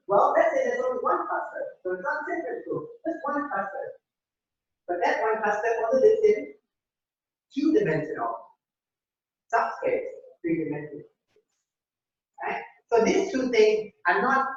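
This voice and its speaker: A man's voice: high voice, a bit bright, a little hiss or hum. A man giving a rambling classroom lecture, often repeating words and checking in with the class. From Thailand. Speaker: university lecturer. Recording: very echoey hall, dull lo-fi sound.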